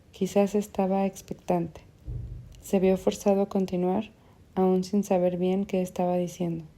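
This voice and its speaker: A woman reading literary fiction aloud as an audiobook narrator, in a measured, even way. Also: lowish voice.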